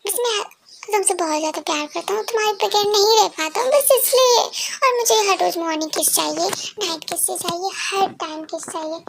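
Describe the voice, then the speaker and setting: A woman's voice: very high voice, fairly quick, a little hiss or hum. A woman voicing a young mafia man in an amateur audio drama, who pleads and coaxes his wife with many sorries and pleases. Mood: teasing. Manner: coaxing, repeats please and sorry. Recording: clear background music.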